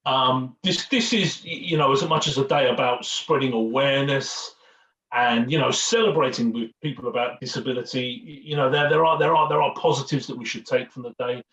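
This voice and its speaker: On a muffled, echoey recording that sounds far off, a man hosts a casual Q&A for fans. His mid-range voice is a bit bright and a little quick, and he jokes around, rambles and repeats himself.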